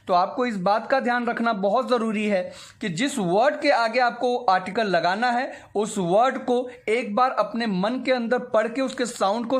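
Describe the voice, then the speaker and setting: A young man teaching a grammar lesson in a high voice. He is patient and methodical, repeating each word aloud to model its sound. He slips English phrases into his explanation as he goes.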